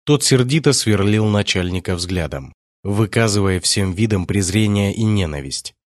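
A man narrating an audiobook in a steady, measured reading. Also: fairly low pitch, no room sound, clean studio sound. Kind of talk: scripted narration.

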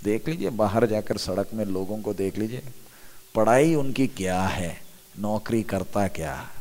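A man's voice: fairly low pitch, darkish tone. A man preaching a sermon in at a youth conference, asking the crowd questions and answering them himself. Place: large hall at a youth conference. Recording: long hall reverb.

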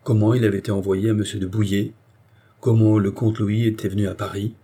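A man narrating a classic novel as an audiobook, reading in a steady, dramatic way. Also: on the low side, brisk, breathy edge.

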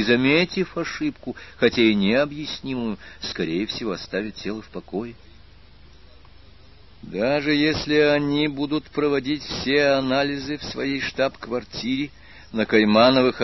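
A male audiobook narrator reading in a measured, expressive way. His voice is low and husky. The recording is slightly dull. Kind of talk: scripted narration.

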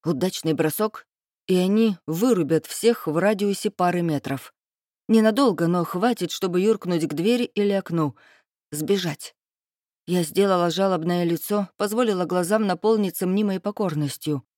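A female audiobook narrator with a fairly low voice reads a first-person fantasy story, expressive yet measured. The recording is clean studio sound with no room noise.

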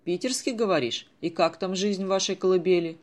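A man voicing a self-important, folksy small-town drinker who talks loudly. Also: high voice, a little fast, close to an everyday voice. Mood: mocking.

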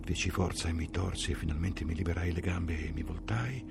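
Male narrator for a literary audiobook: very low, rough-textured voice, grave and measured, with music playing underneath. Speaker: audiobook reader.

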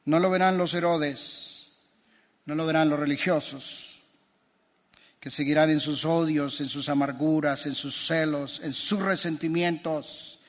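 Impassioned pastor in echoing church. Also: male voice, fairly high pitch, fairly even intonation, a little slow. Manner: impassioned preaching with repeated phrases. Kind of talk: sermon. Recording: long church reverb.

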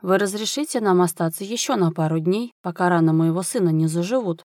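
A woman's voice: lowish voice, brisk, a little mellow, no room sound, clean studio sound, lightly acted. A woman voicing a nervous, fawning older count who speaks hesitantly and stammers. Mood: flustered.

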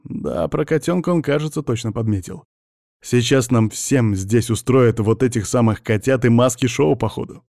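A man's voice: mid-range voice, normal speed, gravelly, a little mellow, no echo, studio quality. A man narrating a first-person crime story with a wry, sardonic manner.

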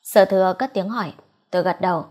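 Woman, mid-pitched, steady audiobook narrator reading a romance story. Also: fast talker. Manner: reads all characters' dialogue in a near-normal voice. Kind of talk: scripted narration of a romance novel.

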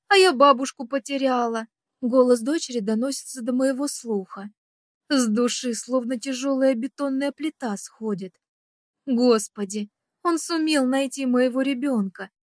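Woman reading an audiobook in first person, emotional, kinda high voice, dry close mic. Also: darkish tone, dry recording. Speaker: audiobook narrator.

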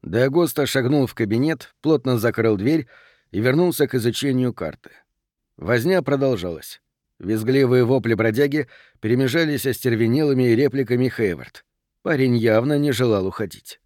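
A man narrating an audiobook in a measured, even reading style. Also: mid-range voice, dry recording, studio quality. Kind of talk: scripted narration.

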